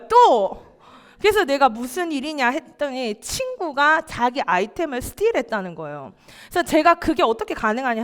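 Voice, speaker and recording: Casting: young female preacher, high voice, lively animated delivery, sermon. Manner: questions the listeners, acts out family quotes. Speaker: youth ministry preacher.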